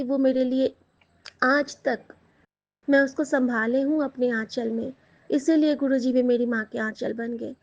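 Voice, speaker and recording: A woman giving a devotional satsang talk, speaking personally and directly to her listeners, full of stories. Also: high-pitched. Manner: warm, personal, addresses listeners as sangat ji. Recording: slightly dull lo-fi sound.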